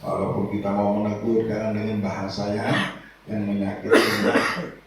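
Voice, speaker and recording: A man preaching a sermon, swinging between soft low asides and loud raised exhortation. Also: fairly even intonation, moderate pace, noisy background. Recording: echoey hall, voice from far off.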